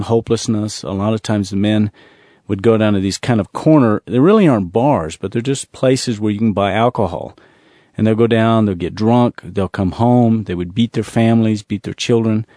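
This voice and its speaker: A man telling a testimony from his mission travels, earnest and repetitive, slowing down to stress key words. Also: fairly low pitch, warm tone, no echo, clean studio sound. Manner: earnest, repetitive storytelling with slow emphasis. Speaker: ministry speaker telling a mission story. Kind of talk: storytelling testimony.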